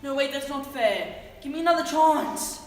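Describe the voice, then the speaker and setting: A woman's voice: sits high, animated, normal speed, a little mellow, distant mic. Woman playing a boastful clumsy big bad wolf. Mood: pleading. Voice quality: eager, pleading, defensive. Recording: echoey and off mic.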